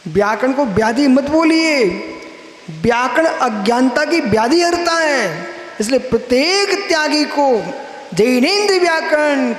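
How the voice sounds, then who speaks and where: Man, Jain monk, sermon, very high voice, unhurried, teaching grammar and word roots, reverberant hall. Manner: teaching, explains Sanskrit grammar and word roots, asks and answers his own questions. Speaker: Jain monk giving a discourse. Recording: roomy hall echo with faint hiss.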